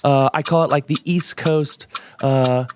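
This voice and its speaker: A man's voice: fairly high pitch, steady tone, a little slow, noisy background. A young man from southern New Hampshire, a guest chatting in an upbeat, playful way. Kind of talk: casual chat.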